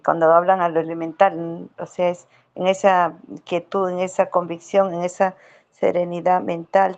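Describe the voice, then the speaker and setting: Brief: woman, gravelly voice, halting testimony over a dull lo-fi call line. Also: fairly low pitch, darkish tone. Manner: hesitant, full of fillers, acting out remembered dialogue. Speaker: participant in a weekly spiritual group meeting. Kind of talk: personal testimony in casual group chat.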